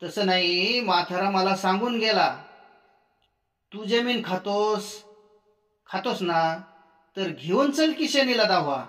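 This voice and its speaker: A man's voice: high-pitched, expressive, slow, pauses often, fairly bright tone, voice pushed up, exaggerated voice. A man voicing a proud preacher elder brother who lectures in a scolding way, recorded in a roomy space. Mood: insistent. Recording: roomy echo.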